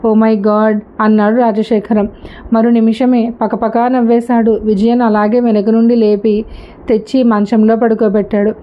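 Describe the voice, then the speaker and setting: A woman's voice: on the high side, level tone, moderate pace. A woman narrating a story as a storyteller, reading steadily and evenly. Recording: slightly dull lo-fi recording.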